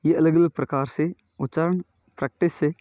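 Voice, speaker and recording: A man teaching English pronunciation in a slow classroom style, reading word lists aloud and repeating each word. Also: a little high, fairly even intonation, mellow, dry recording. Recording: dull, lo-fi and dry.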